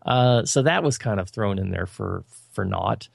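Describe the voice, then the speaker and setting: A man's voice: on the low side, lively intonation, normal speed, gravelly, no echo, clean studio sound. A man co-hosting a podcast, reviewing films in casual chat with an opinionated, critical and rambling manner. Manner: loose, rambling delivery.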